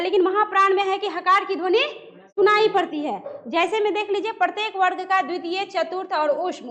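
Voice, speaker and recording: A woman's voice: very high voice, fairly bright tone. A woman teacher giving a grammar lesson, who puts questions to her students, answers them herself and sounds out letters one by one. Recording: dull lo-fi recording.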